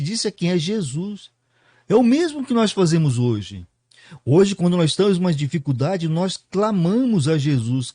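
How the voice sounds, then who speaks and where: A man's voice: high-pitched, mellow, no echo, studio quality. A male pastor preaching a sermon, explaining a Bible passage verse by verse and tagging his points with "né?" and rhetorical questions.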